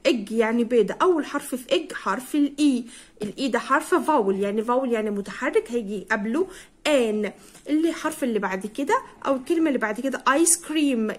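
High-voiced Egyptian woman teaching English. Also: lively intonation. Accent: Egyptian Arabic. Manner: repeats and drills words slowly, spells out letters. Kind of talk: explaining a primary school lesson.

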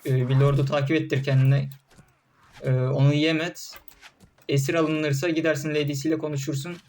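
A man's voice: on the high side, darkish tone. A young man doing casual gameplay commentary, often frustrated, cursing and barking orders at his troops. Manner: frustrated, swearing, talking to game troops.

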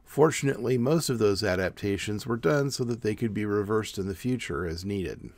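A middle-aged man giving a measured, plain informative presentation outdoors. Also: on the low side, darkish tone, dry recording. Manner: measured, plain explanatory delivery. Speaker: student presenter. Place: outdoors in front of a brick building.

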